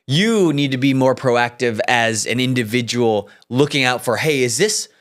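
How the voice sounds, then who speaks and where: A man hosting a casual finance chat, telling cautionary stories about scams in an earnest, lively way. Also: mid-range voice, normal speed. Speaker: host.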